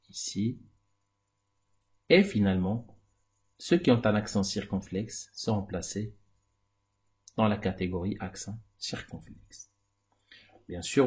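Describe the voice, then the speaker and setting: Male teacher on a recorded lesson: low voice, very unhurried, repeats each point carefully. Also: a little mellow. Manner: slow, deliberate, repeats words for the viewer.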